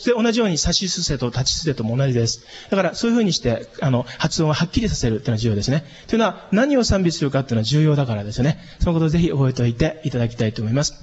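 A man's voice: a little high, sing-song, racing, few pauses, a little mellow, husky, in a large hall, dull audio. A man teaching a voice and diction lesson as a vocal coach for church worship singing. He explains each step patiently and breaks into sung vowel demonstrations.

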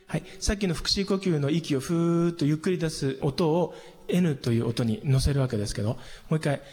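A man teaching a singing lesson, explaining patiently and calmly, with hummed demonstrations. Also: fairly high pitch, brisk. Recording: long hall reverb.

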